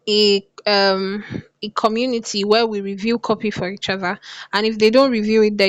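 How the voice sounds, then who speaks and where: Teaching viewers casually online, this woman copywriting coach speaks with a lisp and slushy s sounds and likes to repeat phrases to stress points. Her voice is medium in pitch, recorded with no room sound.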